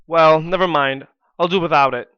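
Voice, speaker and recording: A man's voice: on the high side, steady tone, moderate pace, no echo, lightly acted. A man playing a humble, naive little man in a storybook reading, earnest, meek and eager to please. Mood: eager, obliging. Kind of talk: scripted storybook dialogue. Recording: dry, dull band-limited audio.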